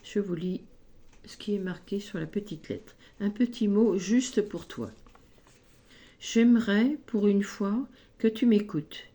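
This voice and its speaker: A woman giving a spoken tarot card reading, slow and gently encouraging, often adding little tags as she goes. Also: mid-range voice. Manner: slow, gentle, encouraging, frequent "hein" and "ici".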